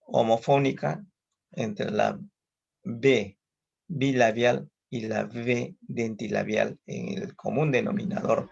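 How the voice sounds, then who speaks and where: Peruvian guy giving a talk, super gravelly voice, drags it out, lists words, dull muffled sound. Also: medium pitch. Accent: Peruvian Spanish. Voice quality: gravelly, husky. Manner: slow, deliberate, with frequent "¿no?" tags and listed example words. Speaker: psychologist giving a conference talk. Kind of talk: online lecture. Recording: muffled lo-fi audio.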